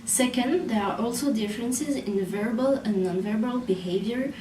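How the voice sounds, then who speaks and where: A woman's voice: fairly high pitch, moderate pace. A woman from France with a French accent, giving a student presentation in an earnest, explanatory way. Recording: roomy echo, distant mic, background noise.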